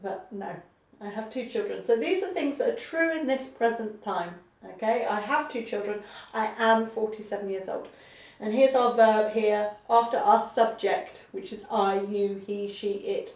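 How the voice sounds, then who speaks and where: A woman's voice: medium pitch, a little mellow. Patient woman teacher in her forties. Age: 40s. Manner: patient, repeats points with frequent "okay". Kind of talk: recorded online grammar lesson. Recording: echoey room, voice a bit far from the mic.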